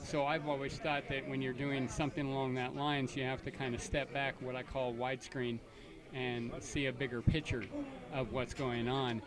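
A man's voice: medium pitch, flat delivery, normal speed, hardly any pauses, far from the mic, a crowd in the background. A man from Canada interviewing filmmakers, joking and stammering through his questions. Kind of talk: casual interview.

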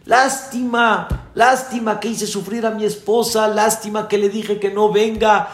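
Rabbi putting on a high strained worried dad voice, pleading, roomy echo. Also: male voice, fairly even intonation, drawn-out words, gravelly, mellow, full character voice. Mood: anguished. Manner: pleading, crying out in distress. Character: grown man, anxious worried father.

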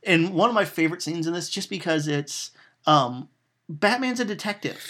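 A man with a slightly raised voice recaps a movie in relaxed, chatty conversation. He tells it with lively energy and slips into the characters' lines as he goes. He fills his pauses with plenty of ums. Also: a little high. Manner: animated storytelling, acting out quotes, frequent "um" fillers. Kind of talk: casual chat retelling a film.

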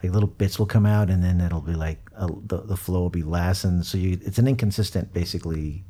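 A man's voice: deep voice, fairly quick, warm tone. A man hosting a podcast in casual hobby chat, with an easygoing, jokey way of talking. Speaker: podcast host.

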